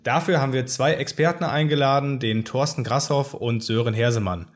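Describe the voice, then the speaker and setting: A man's voice: medium pitch, fairly quick. A man hosting a podcast, giving friendly, scripted introductions and asking questions. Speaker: podcast host. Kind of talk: podcast interview.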